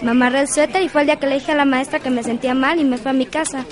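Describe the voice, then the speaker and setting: A woman's voice: sits high, steady tone, very fast, lightly acted. A woman playing a frank, down-to-earth teenage girl in an educational radio drama.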